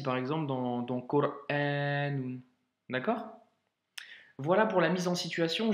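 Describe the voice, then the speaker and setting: A man teaching a video lesson in a patient, informal way, talking straight to the learner and drawing out example words slowly. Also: fairly high pitch. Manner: slow, drawn-out modeling of example words. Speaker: Arabic reading teacher. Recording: echoey room.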